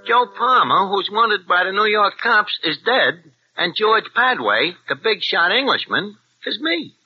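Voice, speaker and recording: In a 1940s radio drama, a male narrator and lead character plays a scheming, streetwise small-time crook posing as an Englishman. His high, very animated but unhurried voice delivers slangy tough-guy talk with bad grammar, on a dull old recording with music and a little hiss or hum.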